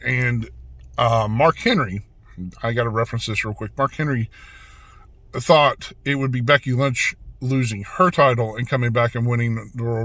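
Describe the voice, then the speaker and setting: A man with a drawl talks in a relaxed, rambling way, full of fillers and restarts, with hiccups breaking in. His voice sits at a middle pitch. The recording is dry and close, with no room sound. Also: dry recording. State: has the hiccups. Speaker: wrestling channel host. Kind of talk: casual video review.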